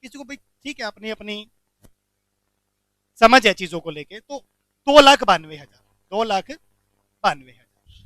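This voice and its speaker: A man teaching a commerce lecture, animated, asking the class questions and answering them himself. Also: high-pitched, normal speed, pauses often, no echo.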